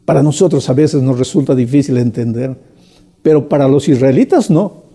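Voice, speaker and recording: Husky, dark-voiced male preacher. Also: medium pitch, normal speed. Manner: earnest, explanatory, addresses listener directly. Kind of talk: sermon.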